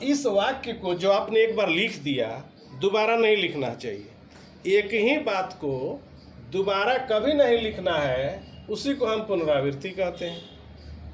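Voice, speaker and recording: A man's voice: high voice, sing-song, unhurried. A man teaching a video lesson, explaining patiently and stressing each example word. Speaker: Hindi teacher. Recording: echoey room with faint background noise.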